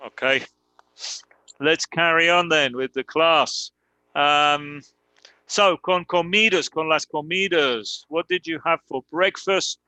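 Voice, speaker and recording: A man teaching in on a live stream, explaining slowly and patiently with many fillers. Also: fairly high pitch, sharp tone, smooth, dry recording, poor audio. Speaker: English teacher. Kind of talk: live online English lesson in Spanish.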